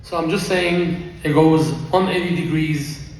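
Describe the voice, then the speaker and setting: Middle-aged man, fairly high voice, heartfelt rushed storytelling, echoey hall with the mic far away. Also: fairly even intonation, a little mellow. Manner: heartfelt, rushed storytelling sprinkled with Yiddish phrases. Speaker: event speaker. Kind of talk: emotional personal storytelling speech. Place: large event hall.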